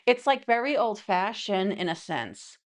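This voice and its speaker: A woman's voice: mid-range voice, sing-song, measured pace. A woman gives a casual tarot reading in a loose, chatty way. She rambles through her asides and leans on fillers like "you know" and "right.". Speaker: tarot reader.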